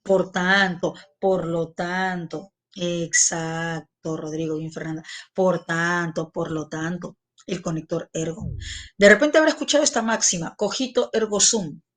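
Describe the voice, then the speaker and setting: Low-voiced woman teaching a lesson. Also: measured pace, fairly bright tone. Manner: repeats key terms, asks students questions. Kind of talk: classroom lesson on connectors.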